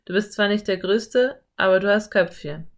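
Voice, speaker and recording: A woman's voice: mid-range voice, moderate pace, lightly acted. A woman voicing a friendly, laid-back male cowboy in an audiobook. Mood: hearty. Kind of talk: audiobook character voice.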